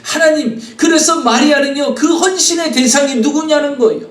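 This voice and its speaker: Pastor, male, high-pitched, preaching from a distance in a reverberant sanctuary. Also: normal speed. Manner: emphatic preaching, rising to loud rhetorical questions. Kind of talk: sermon. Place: church sanctuary. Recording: roomy church sound, mic at a distance.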